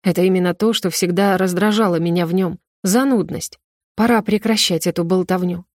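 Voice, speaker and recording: A woman's voice: fairly low pitch, fairly even intonation, brisk, a little mellow, no echo, clean studio sound. Young woman narrating an emotional audiobook. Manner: emotional, tearful first-person telling. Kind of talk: first-person scripted narration.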